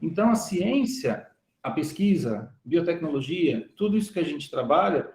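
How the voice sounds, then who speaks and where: A man's voice: fairly high pitch, darkish tone, roomy sound, poor audio. A man who teaches biology, talking casually as the guest of an online live session and telling stories in which he acts out the voices of the people he quotes. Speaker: biology professor, guest speaker.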